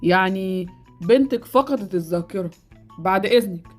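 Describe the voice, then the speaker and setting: A woman voicing a calm, reassuring male doctor with an Egyptian accent in a Roblox series. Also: medium pitch, soft background music, natural voice. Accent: Egyptian Arabic. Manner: measured, reassuring.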